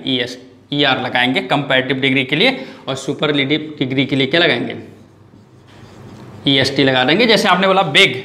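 A man's voice: on the high side, bright, forceful tone, roomy sound. A male English grammar teacher giving an online lesson in speech, who keeps asking questions and answering them himself. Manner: asks questions and answers them himself, repeats key points.

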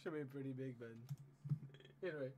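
A young man giving casual, rambling commentary while playing a game, trailing off quietly. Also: medium pitch, fairly quick, crowd noise. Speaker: gaming channel host.

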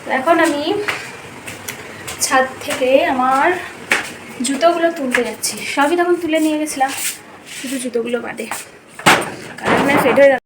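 A woman's voice: high voice, normal speed, pauses often. A young woman, chatting casually about her chores at home for her daily vlog. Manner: chatty, rambling commentary on chores. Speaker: vlogger. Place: home in a village. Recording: noisy background.

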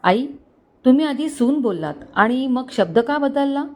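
A woman's voice: high voice, expressive, measured pace, darkish tone, voice pushed up, exaggerated voice. A woman voicing a hurt, tender young wife in a storybook, pleading and emotional. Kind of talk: storybook dialogue.

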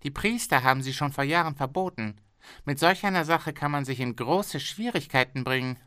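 A man voicing a greedy, fretful factory owner in an audiobook reading, with a strained, excitable tone. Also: fairly high pitch, moderate pace, clean tone, no echo, clean studio sound, pitched above the performer's own voice. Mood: scheming.

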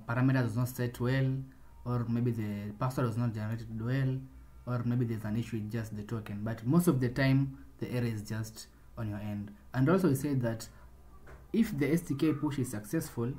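A man with a mellow, dark-toned voice walks through a coding tutorial in a casual, explanatory way, often stopping to restart a phrase. He sounds like he is talking into a desk microphone while sharing his screen. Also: medium pitch. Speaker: programming tutor.

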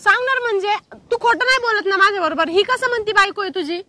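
A woman's voice: very high-pitched, fast talker, sharp tone. A woman playing an eager young fiancée. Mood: protesting. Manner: insistent, eager to marry. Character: young woman in love, engaged to the husband. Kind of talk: comedy sketch acting.

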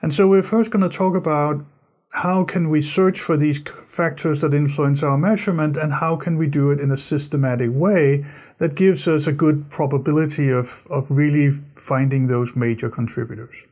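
A man's voice: a little high, fairly even intonation, moderate pace, a little mellow. A middle-aged man from Denmark, an instructor giving a recorded course lecture to camera in a studio, gesturing and often repeating words as he explains.

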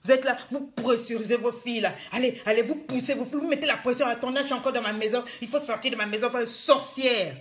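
A woman's voice: fairly high pitch, quick pace, few pauses, a little hiss or hum. A woman life coach, scolding her viewers in a live-streamed motivational talk, emphatic and full of rhetorical questions.

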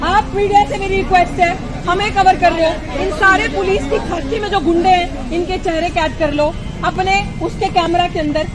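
A woman at an outdoor street protest, speaking loudly and urgently to the crowd and the press. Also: extremely high pitch, fairly even intonation, moderate pace, hardly any pauses, low-quality recording. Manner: loud and urgent, rallying the crowd. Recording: loud crowd and music outdoors.

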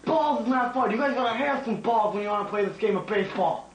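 Teacher impression: intense baseball coach played by a young man, high voice, emphatic, repetitive speechifying, roomy comedy skit recording. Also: lively intonation, quick pace. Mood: outraged, impassioned. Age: young adult. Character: intense, earnest male baseball coach obsessed with the game. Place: home kitchen. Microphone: camcorder across the room. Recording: roomy, distant, hissy home camcorder.

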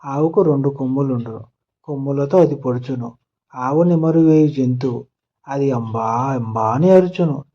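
A man's voice: mid-range voice, moderate pace. Man telling a children's story, lo-fi. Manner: gentle storybook telling, voicing characters' lines in turn.

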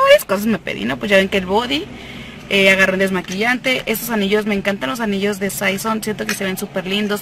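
Young woman, bright sharp voice, enthusiastic unboxing chat, inside a parked car, faint hum behind. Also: medium pitch. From Mexico. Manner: chatty and enthusiastic, laughs often. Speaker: cosmetics seller and vlogger. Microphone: phone camera at arm's length.

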